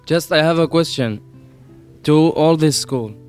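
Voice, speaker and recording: Teen boy from Syria, Arabic native, halting broken English, slightly high pitch, soft guitar behind. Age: teens. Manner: halting, searching for English words. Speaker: student interviewee. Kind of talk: interview testimony.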